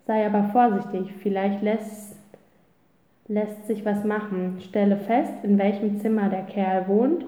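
Clever, bossy storybook boy, read by a woman, decisive, slow, echoey and lo-fi. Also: mid-range voice, fairly even intonation, warm tone, lightly acted. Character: bossy clever boy who grades others. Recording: roomy, tinny phone-like sound.

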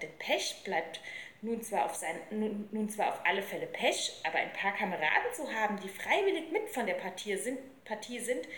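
A woman reading a children's book aloud in a lively storytelling manner. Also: medium pitch, slight background noise. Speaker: reader. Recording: roomy with faint ambience.

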